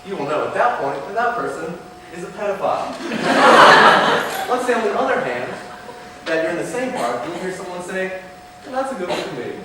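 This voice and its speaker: A young man performing a stand-up comedy set in a university auditorium, with a deadpan mock-lecturing delivery. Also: sits high, normal speed, very noisy. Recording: echoey auditorium from far off. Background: audience laughter.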